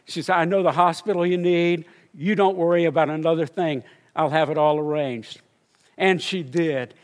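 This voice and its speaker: A man's voice: on the high side, fairly even intonation, moderate pace. An older man, a missionary preacher, telling a story in a sermon and building to fervent exclamations.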